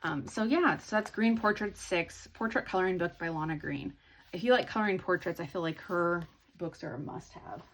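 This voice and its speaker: A sleepy, yawning woman with a lowish, slightly bright voice rambles at a moderate pace through a hobby haul video, full of ums and restarts. She's a hobby vlogger chatting casually, with a little background noise in the recording.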